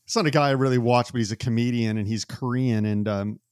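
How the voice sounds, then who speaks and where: A man's voice: mid-range voice, fairly even intonation, quick pace, a little mellow, clean tone, no echo, clean studio sound. Rambling man on a podcast. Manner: rambling, many restarts, laughs at his own stories. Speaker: podcast co-host. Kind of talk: casual chat.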